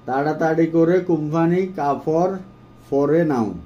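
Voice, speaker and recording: A man giving a phrase-by-phrase language lesson, saying each phrase and then repeating it slowly and carefully. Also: fairly high pitch, dark tone, lo-fi sound. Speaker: language teacher.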